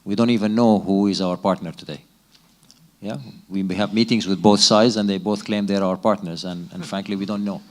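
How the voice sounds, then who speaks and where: Low-ish voiced middle-aged guy from sudan, business exec taking audience questions, lots of restarts. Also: fairly even intonation. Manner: measured, with frequent restarts and hesitations. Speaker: business executive, keynote guest. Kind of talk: fireside chat Q&A answers.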